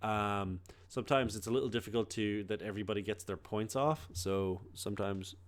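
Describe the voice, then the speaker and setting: A man's voice: lowish voice, slight background noise. Guy hosting a gaming podcast, chill, swears a lot, laughs easy. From Ireland. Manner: loose, swears freely, quick to laugh. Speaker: podcast host. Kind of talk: casual gaming podcast chat.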